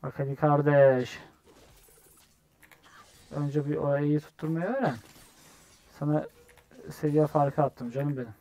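A young man giving live gameplay commentary, excitable, yelling at teammates and swearing when frustrated. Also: a little high, slow pace, pauses often. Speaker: gamer streamer.

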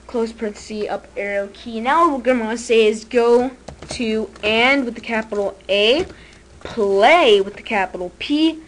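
A woman presenting a step-by-step software tutorial, dictating code piece by piece as she types. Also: on the high side. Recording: noisy screen recording with keyboard typing. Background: clear noise, keyboard typing.

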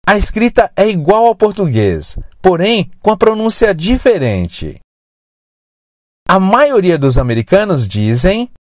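A teacher speaking slowly with a lively, rising and falling pitch. The recording is dry and close, with no room sound. Each word is stretched out and spoken clearly for the listener to repeat. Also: dry recording. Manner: slow, clear, drawn-out word modelling. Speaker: English teacher. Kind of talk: scripted lesson narration.

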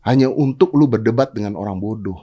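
A man voicing a wise male lion king in a told fable, measured and stern. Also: fairly low pitch, dark tone, muffled recording, close to an everyday voice.

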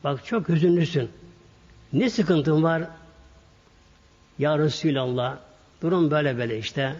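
Male preacher, sermon storytelling, husky voice, somewhat high, dull echoey hall recording. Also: unhurried, darkish tone. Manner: addresses congregation, acts out quoted dialogue.

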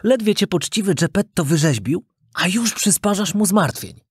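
A storyteller voicing a wise talking cricket who lectures in a calm, admonishing way. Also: mid-range voice, normal speed, husky, no echo, clean studio sound, pitched above the performer's own voice. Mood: stern. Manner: preachy, admonishing.

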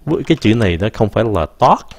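A man giving a casual live-streamed English pronunciation lesson, stopping to say words slowly and mixing English phrases into his talk. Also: lowish voice, animated, creaky, a little mellow.

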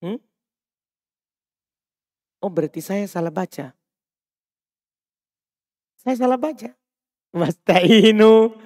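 A man's voice: sits high, animated, takes it slowly, long pauses, darkish tone, no echo, studio quality. A man teaching an Arabic grammar reading class, quizzing students by name and explaining patiently. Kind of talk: classroom text-reading lesson. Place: mosque study circle.

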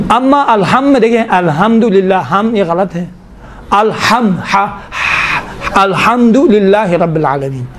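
Man, high pitch, tajweed teacher, classroom recitation lesson, slow drawn-out sounds, asks questions. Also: a little hiss or hum. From Pakistan.

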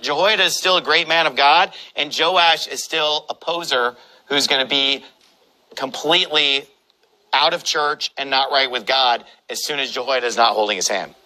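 A male pastor preaches in a high, bright voice with a hard, forceful edge, combatively mocking his opponents and driving every point home. The audio quality is poor.

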